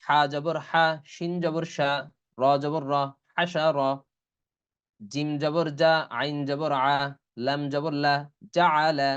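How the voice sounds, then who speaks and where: A man's voice: fairly high pitch, level tone, fairly bright tone, smooth, muffled recording. A man teaching an online Quran reading lesson with a Bangladeshi Bengali accent, spelling out Arabic letters and vowel marks syllable by syllable. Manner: slow syllable-by-syllable spelling drill.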